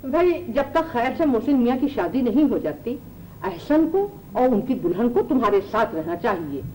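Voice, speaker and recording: An actress playing a playful, teasing older aunt who cheats at a board game, in an old TV drama. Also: female voice, fairly high pitch, big pitch swings, dark tone, poor audio. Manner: playful and teasing, quick to laugh. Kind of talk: 1980s TV drama acting. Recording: old TV drama audio, light noise.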